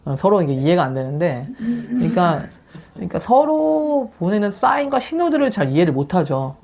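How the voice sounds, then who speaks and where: Male pastor, easygoing storyteller, lively intonation. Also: high-pitched, normal speed, vocal fry. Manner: animated storytelling with frequent fillers. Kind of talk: casual chat.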